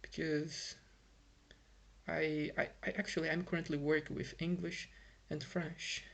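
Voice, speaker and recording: Unhurried and level, a fairly high voice with vocal fry and a bit of brightness belongs to a young Brazilian man vlogging from home in Ireland. A native Portuguese speaker using Brazilian-accented English, he rambles through a frustrated casual monologue littered with fillers and restarts.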